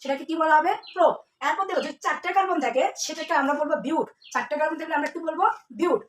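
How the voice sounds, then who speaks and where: A woman's voice: high voice, rapid-fire, slight background noise. A woman teaching a chemistry lesson to students, asking questions and then answering them herself, repeating the key terms. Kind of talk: classroom lesson. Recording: echoey room, mic at a distance.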